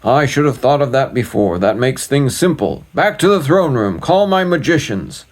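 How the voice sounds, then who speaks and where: A man puts on a fussy storybook king who frets and snaps in a raised, strained voice. He is quick to exclaim and easily rattled. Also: mid-range voice, expressive, pitched above the performer's own voice, lightly acted. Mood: relieved. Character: fretful impatient old king.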